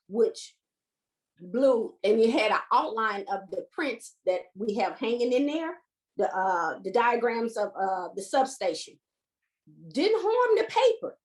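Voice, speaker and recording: A woman's voice: mid-range voice, low-quality recording. A woman who works at a transit substation, telling a personal story at a virtual event. She acts out her own past words in the story and laughs now and then as she tells it. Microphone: video call.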